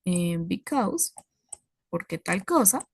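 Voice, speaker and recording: A woman's voice: on the low side, very animated, takes it slowly, creaky, slightly rough. A woman teaching an English class, explaining patiently step by step and checking in with her students.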